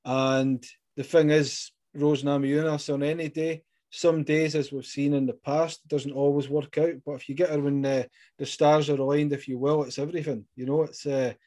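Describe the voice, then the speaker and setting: A man's voice: on the high side, little pitch movement, moderate pace, hardly any pauses, mellow. A man with a Scottish accent interviewing a fighter, chatty and encouraging with long rambling questions. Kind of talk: sports interview.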